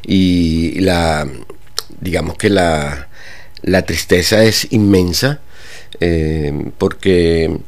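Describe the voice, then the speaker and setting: An older man from Venezuela, a guitar teacher, speaking haltingly with many pauses and fillers in a radio interview. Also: low voice, fairly even intonation. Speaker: guitar teacher and orchestra director.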